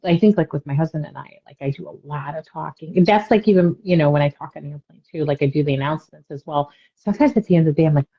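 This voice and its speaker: A woman's voice: low voice, quick pace, hardly any pauses, breathy edge. A woman co-hosting a casual chat, rambling along with lots of "you know" asides. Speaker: podcast co-host. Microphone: webcam or video call mic. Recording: dull lo-fi sound.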